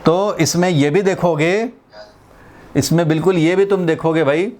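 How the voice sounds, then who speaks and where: A man's voice: on the high side, measured pace, a little mellow, slight background noise. A man from India giving a physics lesson, explaining step by step, repeating key phrases and checking in with his students. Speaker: physics teacher. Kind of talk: classroom lecture.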